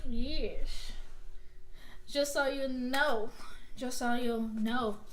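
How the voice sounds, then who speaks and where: A chatty young woman from Alabama, talking with a fairly high voice. She rambles through a casual vlog straight to her viewers, with a faint hiss behind her. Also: drawn-out words. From Alabama, US South. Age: young adult. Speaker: vlogger.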